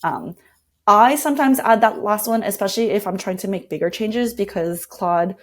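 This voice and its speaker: Speaking at a moderate pace in a mid-range voice, a woman walks through her workflow as a guest designer. The screen-share is casual and informal, with her narrating every step and thinking out loud.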